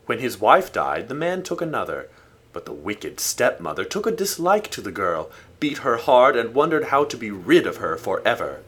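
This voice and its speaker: A man reads a folk tale aloud in a steady, expressive way. His voice is slightly husky, and his pitch moves a lot as he tells the story. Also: moderate pace. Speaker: narrator. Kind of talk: storybook narration.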